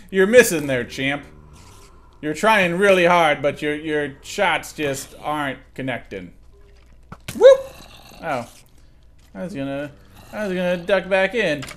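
A man's voice: on the high side, a little slow, a bit bright. A young man doing sarcastic let's play commentary, joking with the creatures in the game. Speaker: gaming commentator.

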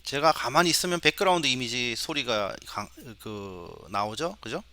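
Bright clear-voiced male professor teaching. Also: medium pitch, lively intonation, moderate pace. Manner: imitates animal sounds for the mic; coaxing rhetorical questions. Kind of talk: recorded lecture demo.

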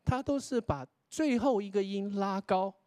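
A man, a pronunciation lecturer judging a contest, explaining feedback to contestants and often tagging his sentences with a soft "ha". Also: sits high, normal speed, dry recording. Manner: explanatory, demonstrates English pronunciation, tags sentences with 哈. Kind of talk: spoken critique to contestants.

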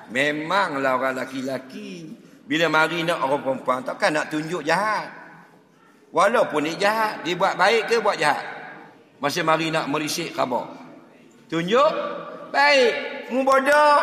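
Ustaz with a high bright voice cracking jokes at an evening mosque talk, big echoey hall, keeps asking "faham?". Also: male voice. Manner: jokey, keeps asking the crowd if they understand. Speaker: religious teacher. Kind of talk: humorous mosque lecture answering questions.

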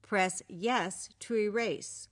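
A woman reading scripted instructional narration in a measured, instructive manner. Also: mid-range voice.

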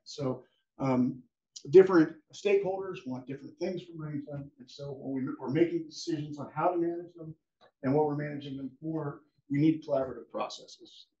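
An American guest speaker, a rangeland scientist, gives a relaxed academic seminar in a lecture room, halting often with fillers and restarting sentences. His voice is fairly high-pitched. He sounds distant from the mic, and the echoey room audio is dull and a little muffled.

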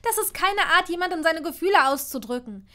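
A woman voicing a fiery, hurt young witch who speaks loudly and with heated emphasis in a fan-fiction audiobook. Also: high-pitched, expressive, normal speed. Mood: furious.

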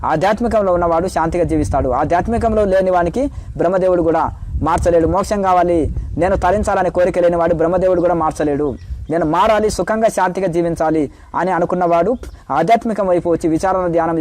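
A man's voice: sits high, quick pace, darkish tone, a little hiss or hum. A middle-aged man, a spiritual teacher, answering questions in a preachy way and rattling off lists of virtues.

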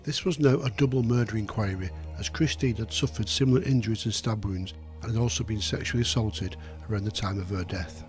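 A man giving scripted true crime narration in a sober, measured storytelling manner. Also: lowish voice, darkish tone. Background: faint music.

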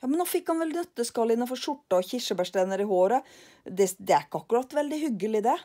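Older woman doing a nervous little boy, storybook, high and hesitant. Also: animated, warm tone. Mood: worried. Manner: hesitant, anxious, stammering. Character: timid worried little boy.

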